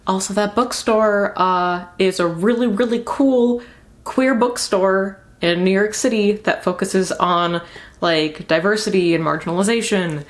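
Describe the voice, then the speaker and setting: A young woman vlogger gives a casual, rambling book review, candid and informal, leaning on emphatic repeated words. Her voice is mid-range and a little slow.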